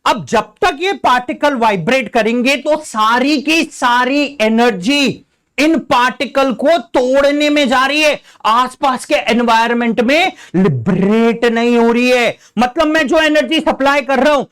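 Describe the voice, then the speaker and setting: A man's voice: very high voice, measured pace, a bit bright, smooth. A young Indian man teaching a school science lesson, playful and theatrical, acting out film lines and sound effects. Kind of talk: playful classroom lesson with demonstrations.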